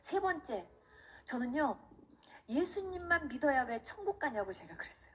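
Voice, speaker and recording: High, lively woman telling her testimony. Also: normal speed, slight background noise. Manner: vivid storyteller who acts out the quoted voices; emotional and earnest. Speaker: testimony speaker. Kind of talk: personal faith testimony.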